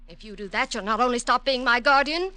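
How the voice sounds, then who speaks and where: Defiant twenty-year-old stepdaughter, bright sharp voice, old radio style. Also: female voice, fairly high pitch, quick pace, clean tone. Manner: defiant, cutting. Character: defiant young stepdaughter on probation, woman, twenty. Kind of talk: 1940s radio acting.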